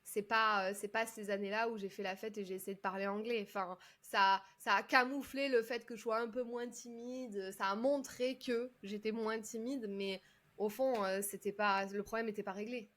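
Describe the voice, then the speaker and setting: A woman's voice: mid-range voice, steady tone, normal speed, a bit bright. A woman from France, a public speaking coach, telling her story in a casual, chatty interview, with lots of fillers and restarts.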